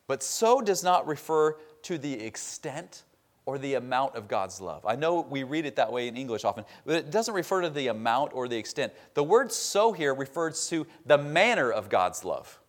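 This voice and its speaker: A man preaching a sermon, stressing key words loudly and dropping to a hushed tone at the ends of points. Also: mid-range voice, very animated, normal speed. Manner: emphatic preaching, swinging between loud stresses and quiet drops. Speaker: pastor.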